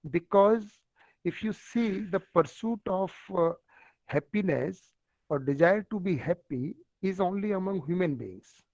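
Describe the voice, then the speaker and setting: A man with a North Indian accent giving an extempore online lecture in a halting, hesitant manner. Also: lively intonation, darkish tone. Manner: halting, with many long hesitations. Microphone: online call on a phone. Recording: dull, low-fidelity online call audio.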